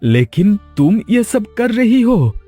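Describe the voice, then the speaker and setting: A man's voice: high-pitched, big pitch swings, slow, mellow, soft background music, voice pushed up, exaggerated voice. A man voicing an anxious young husband in a cartoon, pleading and eager to please. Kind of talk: cartoon voice acting.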